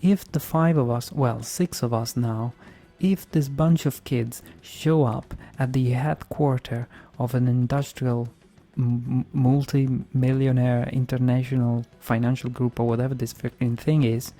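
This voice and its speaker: A man's voice: mid-range voice, fairly even intonation, measured pace, hardly any pauses, dark tone, soft background music. A man giving casual game playthrough commentary, arguing his points and repeating them for emphasis. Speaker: video game streamer.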